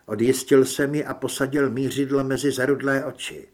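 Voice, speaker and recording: A man's voice: medium pitch, steady tone. A man narrating an audiobook in a dramatic way, acting out the dialogue as he reads.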